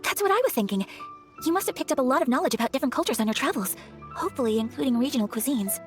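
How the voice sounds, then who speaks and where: A woman playing a polite, refined young noblewoman in a video game, gentle, earnest and formally courteous. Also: high-pitched, expressive, rapid-fire, soft background music.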